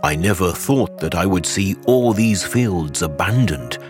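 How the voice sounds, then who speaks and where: An actor playing a reflective old tenant farmer, reminiscing wistfully in a scripted audio guide monologue. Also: male voice, deep voice, animated, a little slow, over music.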